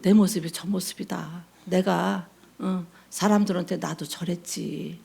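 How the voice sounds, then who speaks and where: A woman's voice: fairly low pitch, fairly even intonation, unhurried, creaky, a little mellow, husky. A woman pastor preaching a sermon in a conversational, storytelling way. She acts out quoted dialogue and keeps asking the congregation for responses.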